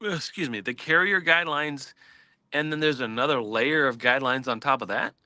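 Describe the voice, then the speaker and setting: A man's voice: mid-range voice, moderate pace, sharp tone. A man hosting a casual industry panel discussion, hiccuping now and then.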